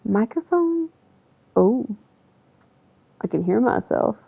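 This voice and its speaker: Gravelly, husky woman livestreamer. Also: medium pitch, big pitch swings, normal speed, no room sound, narrow, tinny audio. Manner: chatty, rambling, self-correcting, laughs easily. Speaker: livestreamer playing a video game. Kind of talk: casual livestream chat.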